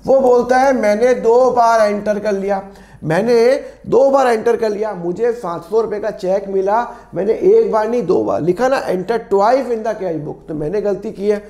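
A man with a sore, hoarse throat teaching an accounts lesson, asking and answering his own questions and repeating key phrases. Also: high voice, measured pace, a little mellow, reverberant. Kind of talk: classroom-style lesson explanation.

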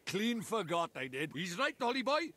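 An actor with a Welsh accent playing a small, cheeky, bossy fairy creature in a video game, chirpy and theatrical. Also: male voice, high-pitched, big pitch swings, normal speed, bright, forceful tone, no echo, heavily acted. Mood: chirpy, instructive.

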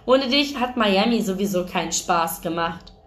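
A woman's voice: medium pitch, lively intonation, normal speed, lightly acted. An affectionate teenage boyfriend, read by a woman in her own voice, speaks tenderly and sometimes sulks. The recording carries a roomy echo.

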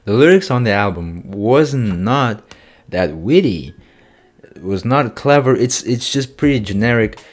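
A young man hosting a casual music reaction review, excitable and slangy, full of fillers. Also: on the low side, measured pace.

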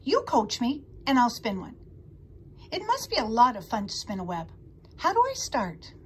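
A woman voicing an eager, boastful young male pig in a storybook reading, excited and earnest. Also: on the high side, normal speed, a little hiss or hum.

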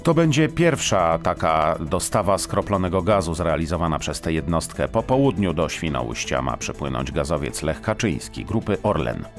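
A man's voice: low-pitched, moderate pace, hardly any pauses, over music. A man reading a formal radio news bulletin in a studio. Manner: steady, formal newsreading.

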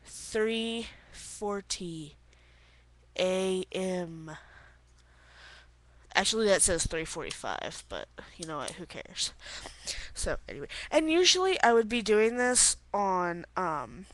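A woman's voice: lowish voice, sing-song, unhurried, dry recording. A young woman vlogging late at night on her laptop webcam at home, rambling and giggling, sleepy and yawning. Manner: rambling, giggly, lots of filler words. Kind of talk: casual video diary. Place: bedroom at home.

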